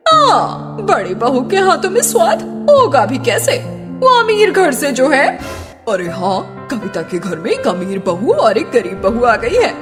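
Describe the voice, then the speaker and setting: A catty neighbourhood gossip from an animated family drama. Her delivery is lively and taunting, with long reverb and music behind it. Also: high-pitched, unhurried, full character voice. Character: gossipy, catty neighbourhood housewives judging the brides. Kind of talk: Hindi animated moral-story acting.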